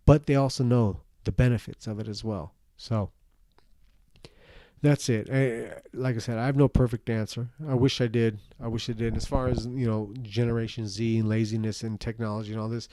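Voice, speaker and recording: A man's voice: mid-range voice, steady tone, normal speed, dark tone, dry recording. A drunk man on a rambling rant to an online audience, earnest and emphatic, repeating himself and speaking bluntly. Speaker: parent giving personal opinions.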